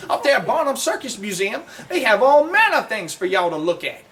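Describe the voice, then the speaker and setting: Southern guy doing a living history yarn outside, real lively swoopy voice, mic kinda far off. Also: sits high. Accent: Southern American. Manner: folksy, teasing, drawn-out delivery with audience asides. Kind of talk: first-person historical storytelling. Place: outdoors at a historic site.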